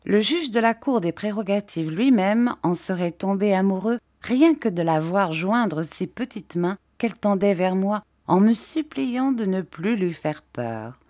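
A woman reader narrating a classic novel in a calm, measured way. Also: medium pitch, no echo. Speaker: audiobook reader.

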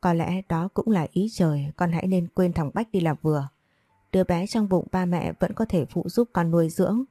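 A woman's voice: fairly low pitch, normal speed, mellow, dry recording, studio quality, close to an everyday voice. A woman reading as a stern, worried mother. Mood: consoling. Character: worried middle-aged mother, protective and stern.

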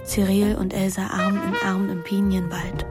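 An actress voices a moody, headstrong teenage girl who reflectively and intimately narrates her summer, mixing first-person narration and dialogue in a radio drama. She speaks in a natural mid-range voice at normal speed with flat delivery, and music plays underneath.

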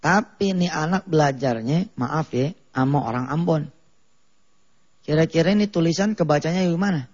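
A man preaching a lively, joking mosque sermon, playfully mimicking regional accents. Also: a little high, normal speed, husky. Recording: dull muffled TV broadcast audio.

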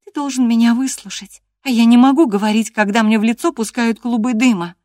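A woman reading an audiobook voices a proud, stubborn young woman who talks in a high, insistent, pleading way. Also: steady tone, fairly quick, a little mellow, no echo, clean studio sound, lightly acted. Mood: indignant.

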